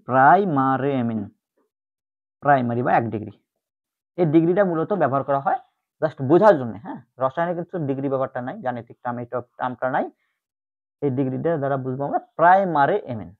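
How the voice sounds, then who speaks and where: A man teaching chemistry in an online lecture, explaining step by step and repeating the key terms. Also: on the high side. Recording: tinny phone-like audio.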